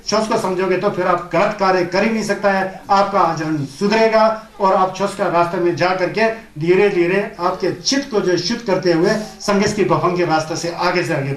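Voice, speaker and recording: A man giving a Buddhist teaching, repeating points and asking rhetorical questions, with Tibetan terms mixed into his talk. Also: sits high. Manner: mixes Tibetan terms into Hindi. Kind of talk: Hindi dharma discourse. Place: teaching hall of a Buddhist centre. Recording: roomy echo.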